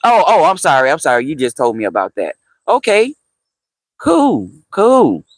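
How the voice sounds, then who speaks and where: A livestream host chats casually with his viewers, answering their comments, repeating phrases, and laughing often. His medium-pitched voice swings widely in pitch at a quick pace, with no echo.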